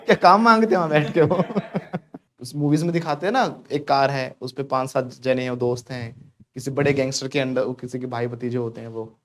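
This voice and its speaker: A man's voice: medium pitch, steady tone, moderate pace, a bit bright. A man from India teaching spoken English to a class in Hindi, joking and pushing his students to repeat English phrases after him.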